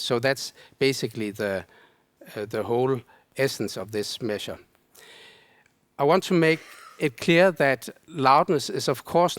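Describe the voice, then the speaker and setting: Male presenter, measured technical explainer; dry, close sound. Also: mid-range voice, dry recording. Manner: explanatory, measured, casual fillers. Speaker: conference presenter. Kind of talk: technical lecture.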